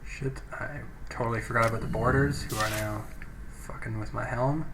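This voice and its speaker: A gaming let's play host offers casual commentary, thinking out loud and reading game text. His medium-pitched voice is steady and moves at normal speed, but the low-quality microphone picks up background noise.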